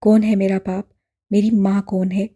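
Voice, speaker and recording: A woman voicing a distraught young man who pleads and shouts in despair, in an audiobook drama. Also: mid-range voice, flat delivery, moderate pace, breathy edge, close to an everyday voice. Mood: desperate.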